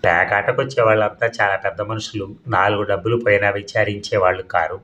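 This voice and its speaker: A man's voice: fairly low pitch, fairly even intonation, brisk, a bit bright, natural voice. A man voicing a plump, middle-aged gambling-den boss who talks in a placating, businesslike way. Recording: dull, echoey room.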